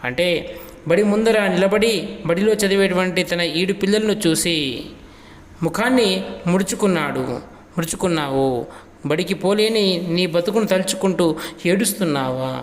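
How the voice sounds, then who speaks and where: A man's voice: sits high, moderate pace, long pauses. A man teaching a class lesson, explaining a poem line by line with many repeated rhetorical questions. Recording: echoey room with long reverb.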